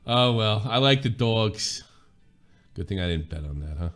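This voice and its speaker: Deep-voiced North American man chatting. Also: lively intonation, normal speed, a bit bright, soft background music. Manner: colloquial, mildly sweary. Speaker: host of a football watch-along stream. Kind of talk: casual chat with loose match commentary.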